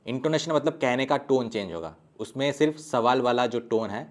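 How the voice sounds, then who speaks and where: A male teacher giving an online language lesson, with a voice pitched in the ordinary middle range for a man. He explains grammar patiently, step by step. He slows right down to draw out each example word when modelling pronunciation. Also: animated. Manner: slow, drawn-out model pronunciation of example words.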